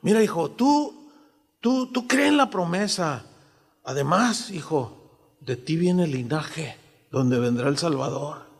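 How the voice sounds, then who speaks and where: A man's voice: a little high, animated, slow pace, creaky, breathy edge, big-room sound, exaggerated voice. A man doing a wise old Mexican father. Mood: reassuring. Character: wise old biblical father counseling his son.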